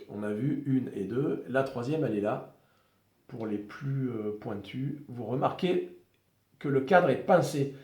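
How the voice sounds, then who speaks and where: A man's voice: mid-range voice, a little mellow. Hesitant French man, echoey room. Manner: hesitant, many fillers and restarts. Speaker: firearms collector presenting a revolver. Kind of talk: casual video presentation.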